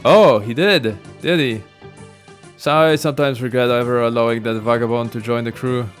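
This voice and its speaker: A pompous ship captain , read aloud by a man, plays the grudging host in a formal, stiff way. The voice sits at a middling pitch. Faint game music runs behind him. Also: normal speed, natural voice.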